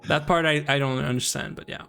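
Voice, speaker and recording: A man with a Canadian accent, chatting casually while playing a game on stream and thinking out loud. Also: on the high side, fairly even intonation, fast talker, creaky, clear, resonant tone. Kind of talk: casual gaming commentary.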